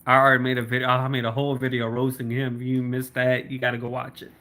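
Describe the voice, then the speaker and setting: Reading comments on a relaxed livestream, this late-twenties host addresses chatters by name and laughs a lot. He talks fast in a monotone, medium-pitched voice with a sharp tone.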